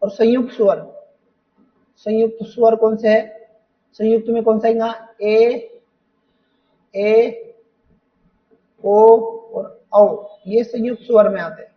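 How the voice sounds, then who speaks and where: A male teacher with a high voice goes through exam questions, repeating each point and asking his students rhetorical questions. He sounds a little away from the mic, and the recording is muffled and dull. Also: flat delivery, takes it slowly, pauses often, far from the mic. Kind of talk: exam paper walkthrough lesson.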